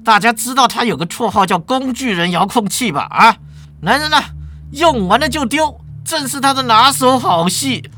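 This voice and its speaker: A storyteller voicing a blunt law department head who lectures loudly. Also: animated, moderate pace, slight background noise. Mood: scolding. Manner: loud, high and lecturing.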